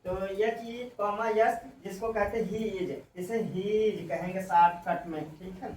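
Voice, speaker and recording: A woman English teacher giving a classroom lesson on contractions, spelling out letters slowly and repeating herself. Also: medium pitch, steady tone, a little mellow, recorded from a distance. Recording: echoey room, voice from off-mic, faint noise.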